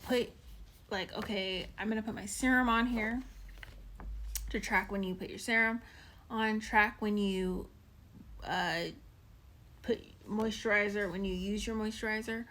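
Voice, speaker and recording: A woman's voice: mid-range voice, steady tone, measured pace, a bit bright, slight background noise. A young woman hosting a casual livestream, explaining a skincare tracker with lots of ums and likes and greeting viewers by name. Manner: frequent ums and likes, loose rambling flow. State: chewing candy. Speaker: livestream host and waxing specialist.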